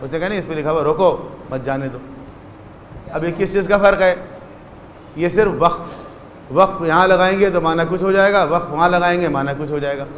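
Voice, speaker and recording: A man's voice: high voice, fairly bright tone, long reverb tail. A man giving a religious lecture, explaining step by step and acting out short dialogues in his stories.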